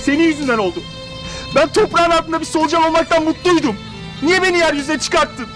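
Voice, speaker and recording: A man's voice: high-pitched, big pitch swings, fast talker, reverberant, distant mic, music in the background. A young man acting a bitter, wounded, withdrawn character in a TV soap opera, curt and agitated. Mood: angry, bitter. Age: young adult.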